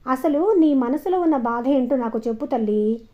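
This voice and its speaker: A woman's voice: high-pitched, expressive, moderate pace. A woman storyteller voicing a grieving elderly grandmother who speaks reproachfully and tenderly in a dull, lo-fi recording. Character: grieving elderly grandmother, gentle but firm.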